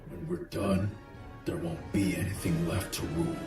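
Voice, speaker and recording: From across an echoey room with music behind, a man plays a brooding hedgehog villain. The voice is low and dark, grimly menacing, in amateur fan-film style. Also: steady tone, normal speed, recorded from a distance, natural voice. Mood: grim menace. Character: Shadow, brooding vengeful male hedgehog villain. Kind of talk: amateur fan skit performance.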